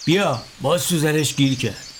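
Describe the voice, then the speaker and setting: A man's voice: a little high, a bit bright, a little hiss or hum, close to an everyday voice. An actor playing a cheeky young apprentice snake catcher who teases and jokes with his master. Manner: cheeky, teasing banter.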